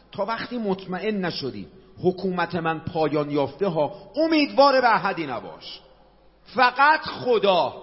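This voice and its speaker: Impassioned high-voiced preacher in a reverberant hall. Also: male voice. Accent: Qom Persian. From Qom, Iran. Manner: impassioned, rhetorical questions, Arabic quotations. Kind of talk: sermon. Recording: dull lo-fi sound with long hall reverb.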